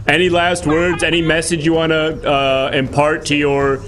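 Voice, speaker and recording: A man's voice: on the high side, flat delivery, moderate pace, background noise. A man hosting a live improvised comedy stream, teasing in a mock-menacing way and reading out chat. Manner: playful mock-menacing, reads chat aloud. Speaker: host.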